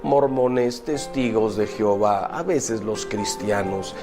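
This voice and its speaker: Priest giving a sermon, asks lots of questions, gets really animated, faint music under it. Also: male voice, fairly low pitch, slow. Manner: emphatic, questioning, animated preaching.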